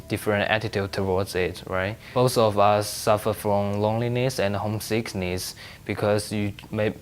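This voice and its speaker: A young man from China, a student talking hesitantly with many pauses in an interview. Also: on the low side.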